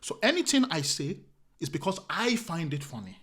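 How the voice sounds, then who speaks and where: A man with a fairly high speaking voice, guesting as a comedian in a relaxed interview. He talks earnestly, circles back over the same phrases and poses rhetorical questions to himself. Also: normal speed, breathy edge. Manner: calls the host "my brother". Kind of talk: casual interview chat.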